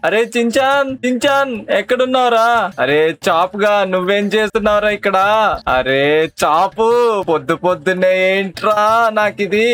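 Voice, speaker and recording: High-voiced panicky cartoon man. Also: a bit bright. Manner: anxious, exclaiming, panicky. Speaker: narrator and lead voice. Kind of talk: cartoon role-play voicing.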